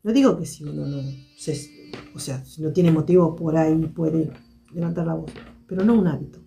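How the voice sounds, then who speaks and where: A woman talks to her live viewers in a low, gravelly, mellow voice. She is measured and reflective and circles back to the same points. Soft instrumental music plays faintly behind her. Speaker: host of a live stream.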